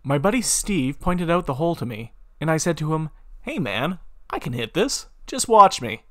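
A man's voice: a little high, big pitch swings, moderate pace. A man reading computer-written stories aloud at his desk, amused and laughing between lines. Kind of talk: casual reading with commentary.

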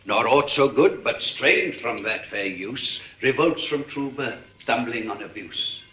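An actor playing a calm, wise friar who speaks verse in a measured, reflective way in an old film. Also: male voice, mid-range voice, reverberant. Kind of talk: 1950s film acting. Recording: dull old film soundtrack with faint hiss.

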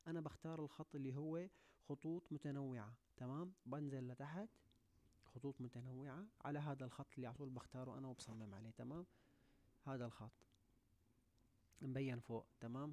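Young guy rattling thru an editing tutorial super fast, mellow low-key tone, keeps asking ok?. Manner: rapid, keeps checking in. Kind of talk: screen-recorded tutorial.

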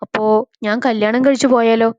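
A woman's voice: a little high, steady tone, normal speed, smooth, dry recording, close to an everyday voice. Woman doing a teasing, fond big brother. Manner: affectionate and teasing. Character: young man, fond, teasing elder brother. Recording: slightly dull, dry recording.

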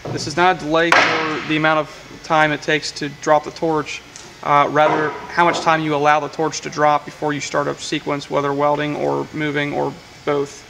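Gravelly man explaining shop controls. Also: on the high side, monotone, moderate pace, hardly any pauses, background noise. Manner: plain, matter-of-fact explaining with frequent uh fillers. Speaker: welding equipment technician. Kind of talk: hands-on equipment demonstration. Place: workshop beside a welding machine.

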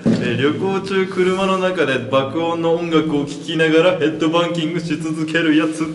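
A man's voice: on the high side, moderate pace. A man in his twenties casually presenting joke prompts to a group. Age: 20s. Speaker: member of a video group. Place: concrete tunnel at night. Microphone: camera a few steps away. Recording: echoey tunnel, faint noise.

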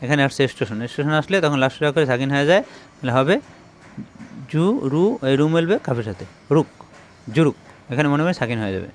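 A man teaching Quran reading, spelling Arabic letters out one syllable at a time with slow, patient drilling. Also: fairly high pitch, lively intonation, a little hiss or hum.

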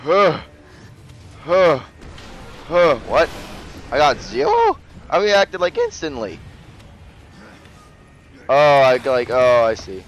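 A man giving casual gameplay commentary, excitable and jokey, with frequent exclamations and swearing. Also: a little high, slow pace, pauses often, highs cut off, slight background noise. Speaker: gamer narrating a let's play.

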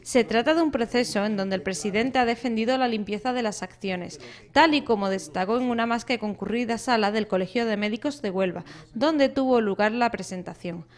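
A woman's voice: a little high, brisk. A woman with an accent from Spain narrating a scripted news report as a reporter.

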